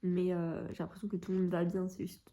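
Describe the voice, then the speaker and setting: Mellow-voiced woman chatting about books. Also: fairly low pitch, completely flat delivery, fairly quick. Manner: informal, slangy, rambling. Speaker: book vlogger. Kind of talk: casual chatty reading vlog.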